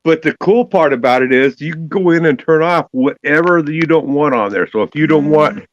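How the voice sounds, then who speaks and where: A man's voice: fairly high pitch, no room sound, muffled recording. A man hosting a casual live stream chat outdoors, rambling and restarting his sentences. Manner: rambling, halting with many restarts. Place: outdoors behind a building.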